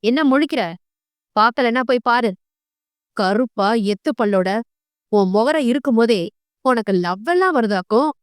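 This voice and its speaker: A woman voicing an angry, scornful young man who scolds harshly and quickly. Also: on the high side, lively intonation, smooth, no echo, clean studio sound, lightly acted.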